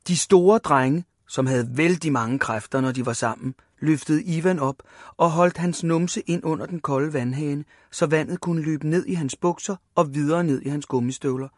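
A man reading a children's story aloud, lively and voicing the characters. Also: a little high, no room sound, studio quality.

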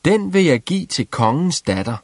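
A man voicing a cheerful, simple-minded young peasant who shouts merrily. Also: fairly high pitch, sing-song, no echo, studio quality, pitched above the performer's own voice. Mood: exuberant.

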